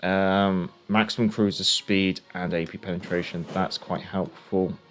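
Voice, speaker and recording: A man's voice: low-pitched, flat delivery, unhurried. A man streaming a game, chatting casually and thinking aloud as he gives live commentary.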